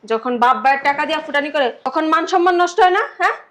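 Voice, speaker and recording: A woman's voice: high voice, racing, fairly bright tone. A woman playing a young wife who sarcastically complains about her husband's brother. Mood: sarcastic. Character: sharp-tongued young wife of the elder brother. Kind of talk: family drama acting.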